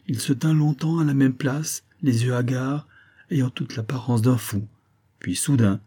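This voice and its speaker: A man reading a literary tale aloud in a measured audiobook style. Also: fairly low pitch, warm tone, husky. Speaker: narrator.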